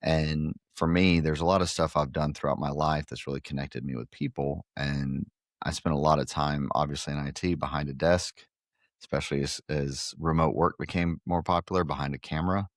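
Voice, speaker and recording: A man's voice: very deep voice, fairly even intonation, normal speed, dry recording, studio quality. A middle-aged man from Guatemala, a facility owner talking earnestly in a casual interview, with many fillers and restarts. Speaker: pickleball facility owner and podcast guest.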